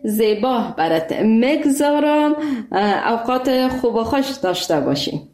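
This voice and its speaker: A woman's voice: a little high, big pitch swings, darkish tone, roomy sound. A woman hosting a call-in radio show, chatting cheerfully with a caller and laughing often. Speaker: radio host.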